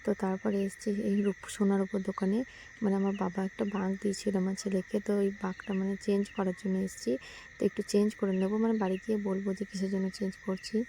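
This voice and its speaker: A young woman talks fast and chatty through her daily vlog, in a level, mellow voice. She recorded it on a phone at home and in shops, with faint outdoor noise behind her. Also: mid-range voice, level tone. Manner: chatty, many fillers, addresses viewers as friends. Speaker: vlogger. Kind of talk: casual daily vlog narration.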